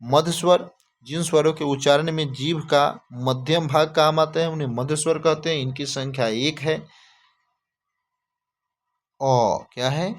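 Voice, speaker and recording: Slow Hindi grammar teacher, man. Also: a little high, fairly even intonation. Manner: slow, repeats key terms as questions.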